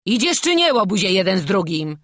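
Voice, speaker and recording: A narrator voicing a gruff town watch captain in an audiobook, loud and barking orders. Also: medium pitch, big pitch swings, brisk, no room sound, studio quality, voice pushed up.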